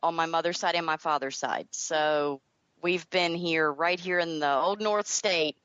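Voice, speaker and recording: Here the same kind of speaker, a middle-aged North Carolina woman with a Southern accent, appears as a guest author and audio drama creator answering an interviewer conversationally. Her deep, smooth voice has a fairly bright tone and a measured pace. There's no echo, though the audio is dull.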